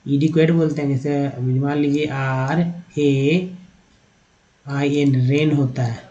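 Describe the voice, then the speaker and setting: Give me a man with an Indian accent, spelling out words letter by letter for a lesson, with a warm voice. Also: mid-range voice, fairly even intonation, highs cut off. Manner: spells words out letter by letter and sounds them out slowly; addresses viewers directly, repeating "dekhiye". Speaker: English teacher. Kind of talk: online language lesson.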